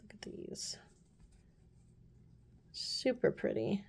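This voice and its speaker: A woman casually chatting through a nail art haul, gushing and often dropping her voice to soft low asides. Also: drawn-out words. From United States. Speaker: beauty vlogger. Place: apartment room.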